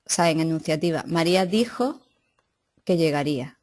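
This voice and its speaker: Low-voiced woman teaching a class. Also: animated, normal speed, darkish tone. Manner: explains step by step, with restarts and "o sea" asides. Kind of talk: classroom grammar lesson. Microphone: recorded class.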